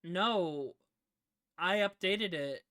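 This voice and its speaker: Bright, dry-sounding game master. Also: medium pitch, extremely slow, no room sound. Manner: casual, swears at tech trouble. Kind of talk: running a tabletop game on stream.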